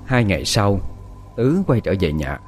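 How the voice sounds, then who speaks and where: A man's voice: fairly low pitch, sing-song, unhurried, soft background music. A man narrating a dramatic ghost story.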